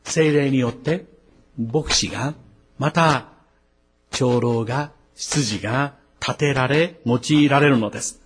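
A man, a pastor, preaching a sermon, lifting his voice sharply on key words and dropping into quick asides. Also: mid-range voice, husky.

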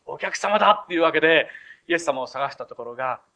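A man's voice: mid-range voice, quick pace, bright, forceful tone. A male pastor preaching an expository sermon, retelling scripture in a storytelling way with acted voices.

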